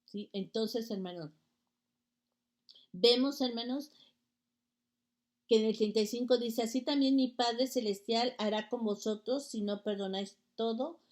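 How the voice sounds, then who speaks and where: A woman's voice: a little high, unhurried, long pauses, a little mellow. A woman preaching a sermon, reading scripture aloud to her listeners, with stumbles and restarts as she addresses them as brothers and sisters.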